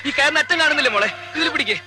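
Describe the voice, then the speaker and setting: A man's voice: very high voice, rapid-fire, heavy background noise. A frantic young father. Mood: pleading. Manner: desperate, pleading shouts. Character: frantic young father calling to his trapped daughter. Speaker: film character, father of a trapped child. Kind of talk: 1990s film acting.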